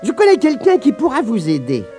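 A man voicing a friendly young storybook hero in a gentle, reasoning way. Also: very high voice, huge pitch swings, brisk, faint music behind, voice pushed up, full character voice. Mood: curious.

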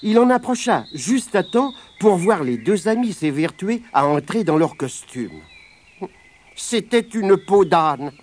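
Animated male storyteller with high voice. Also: unhurried. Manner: expressive, animated reading. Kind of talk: children's storybook reading.

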